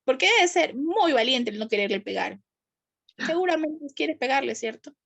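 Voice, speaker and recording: Woman facilitator, high voice, reassuring and quick. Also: expressive, creaky. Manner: warm, reassuring, quick asides. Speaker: group facilitator. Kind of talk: supportive group discussion.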